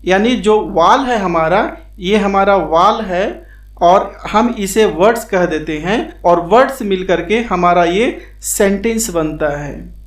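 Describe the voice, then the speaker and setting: A man's voice: high-pitched, takes it slowly. Male tutor for a beginners' lesson; patient and repetitive, asks questions and answers them; roomy echo. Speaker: English grammar teacher. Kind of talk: explanatory classroom lesson. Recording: echoey room.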